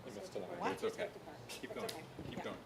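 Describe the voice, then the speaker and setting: A man's voice: mid-range voice, sing-song, fast talker, vocal fry, a crowd in the background. A man speaking casually, with lines and prompts in an amateur play. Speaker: player and prompter in a congregational skit.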